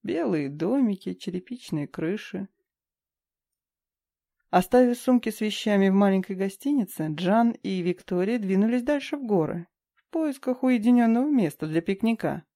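A woman reading a novel aloud as an audiobook narrator, calm and even. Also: medium pitch, moderate pace. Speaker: audiobook reader. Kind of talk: scripted narration.

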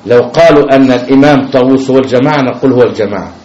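A man's voice: mid-range voice, rapid-fire, darkish tone. A man teaching religion to a class of new Muslims. He keeps asking the class questions and often starts his sentences over. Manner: repeats questions to the class, many fillers and restarts. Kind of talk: religious lesson. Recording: dull roomy classroom recording with faint noise.

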